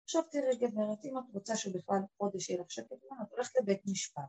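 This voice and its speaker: A woman with a breathy edge to her voice tells a group an emotional personal story, acting out the people in it. Her pitch and loudness swing in lively ways as she voices the quotes, and the recording is rough.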